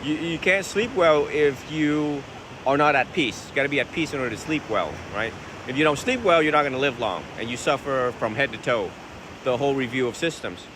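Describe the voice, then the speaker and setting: A man from Vietnam, a Buddhist monk, answering viewers' questions in a relaxed, conversational way outdoors by the ocean, recorded on a phone. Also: mid-range voice, a little fast. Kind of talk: casual outdoor Q&A talk. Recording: phone recording with wind and surf noise. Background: ocean waves and wind.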